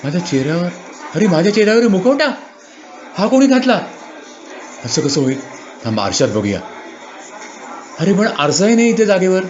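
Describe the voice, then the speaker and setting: A man in a dramatic first-person monologue, bewildered and asking himself questions aloud. His voice is fairly high for a man, and the recording sounds dull and muffled. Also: very animated, normal speed, long pauses, soft background music.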